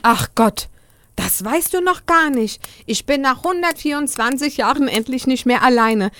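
A woman's voice: high-pitched, animated, normal speed, fairly bright tone. Frau Holle, a woman as a gossipy granny. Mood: chatty. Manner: gossipy, chatty. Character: ancient chatty fairy-tale housewife, Frau Holle. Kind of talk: comic radio play.

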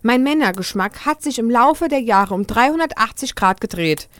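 A woman's voice: fairly high pitch, expressive, normal speed, no room sound, close to an everyday voice. Frau Holle, a woman as a gossipy granny. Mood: chatty. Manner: gossipy, chatty. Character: ancient chatty fairy-tale housewife, Frau Holle. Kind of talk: comic radio play.

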